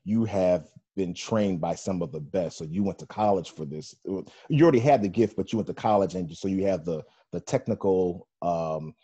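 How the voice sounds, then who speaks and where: A man's voice: sits low, normal speed, few pauses, dark tone, husky, dull audio. A man hosting a casual radio interview, rambling with many fillers and restarts. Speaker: radio show host.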